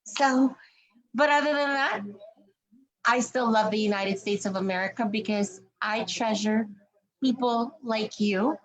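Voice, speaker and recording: A woman's voice: fairly high pitch, measured pace, rough recording. A woman hosting an interview, speaking emphatically and asking loose, rambling questions in casual conversation. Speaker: interview host.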